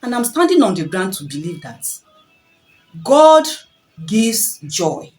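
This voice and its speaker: A woman's voice: mid-range voice, very animated, slow, darkish tone, faint music behind, rough recording. Earnest woman giving parenting advice. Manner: earnest, repeats phrases, rhetorical questions. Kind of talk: preachy advice talk to camera.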